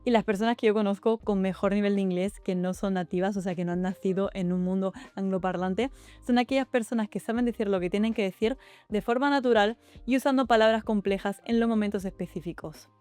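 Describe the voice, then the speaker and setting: A woman's voice: mid-range voice, a little mellow, smooth. A young Spanish woman with a Spanish accent, giving chatty, upbeat exam advice in a casual vlog. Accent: Spanish (Spain). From Spain. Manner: chatty and upbeat, with quick asides to the viewer. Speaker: YouTuber giving study-abroad and exam advice. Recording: faint music behind the voice.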